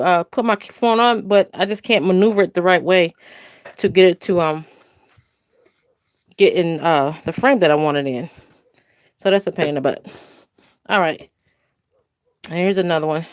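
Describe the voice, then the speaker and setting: Rambling low-voiced older woman crafting. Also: no echo, clean studio sound. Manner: rambling, chatty, self-correcting. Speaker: craft livestream host. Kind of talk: casual crafting demo livestream. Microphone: phone camera.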